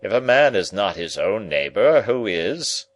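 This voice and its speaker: A man playing a smug, sarcastic gentleman. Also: lowish voice, very animated, measured pace. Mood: sardonic. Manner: dry, sententious, pointed. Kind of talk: audiobook character voice.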